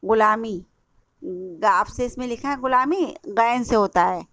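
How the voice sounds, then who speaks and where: A woman with an Indian Urdu accent teaches a class-eight lesson explaining a workbook, her voice a little high, unhurried and fairly bright, with no room sound. She spells words out letter by letter and repeats answers as she quizzes.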